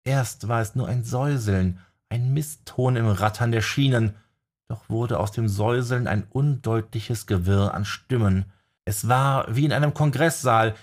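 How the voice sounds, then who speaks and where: Slow, measured male storyteller. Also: lowish voice. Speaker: narrator. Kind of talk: scripted audiobook narration.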